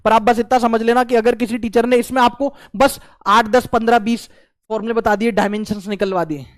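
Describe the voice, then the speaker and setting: High-voiced, playful physics teacher. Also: male voice, fairly even intonation, fairly quick, dry recording. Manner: playful, slangy, acts out student replies. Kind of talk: lively exam-prep physics lecture.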